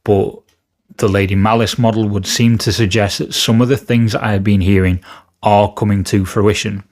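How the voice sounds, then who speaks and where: A man hosting a wargaming channel, chatting casually about rumours to camera, just woken up with a slightly rough voice, hedging and correcting himself with fillers. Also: on the low side, steady tone, normal speed, a little mellow.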